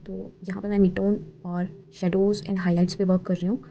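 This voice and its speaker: Gravelly dark-voiced woman tutor. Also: medium pitch, fairly quick. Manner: explains steps calmly, mixing Hindi and English. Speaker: art tutorial host. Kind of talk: painting tutorial voice-over. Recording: slightly dull, faint hiss.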